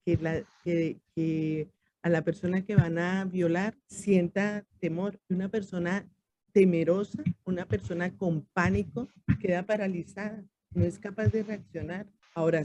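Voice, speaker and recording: A woman teaching a church discipleship class, calm and measured, often dropping to a soft voice and acting out short everyday exchanges. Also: fairly low pitch, low-quality recording.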